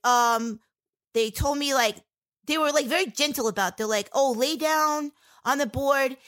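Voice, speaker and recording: A woman telling her own story in an interview, halting and candid, with many fillers and restarts. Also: fairly high pitch, a bit bright. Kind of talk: personal testimony in an interview.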